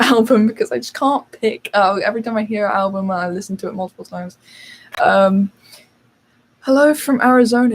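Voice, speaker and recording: A woman's voice: mid-range voice, poor audio. Young British woman, livestream host, chatty with fillers, faint background noise. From United Kingdom. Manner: chatty, reads out and answers viewer questions with fillers. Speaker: channel host. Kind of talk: casual livestream chat.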